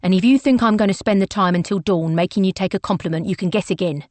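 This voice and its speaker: Woman reader playing a plain-spoken thief in a romance audiobook; frank, low-key, dry. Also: quick pace, darkish tone, no room sound, lightly acted. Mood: teasing. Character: blunt, worldly woman thief, tender underneath.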